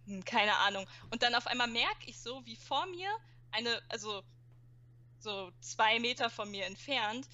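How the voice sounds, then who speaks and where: A young woman with a high, bright voice chatting casually and telling stories. She acts out what people said and uses lots of youth slang. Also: a little slow, muffled recording. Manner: animated anecdote telling with acted-out quotes and youth slang. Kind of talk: casual storytelling chat.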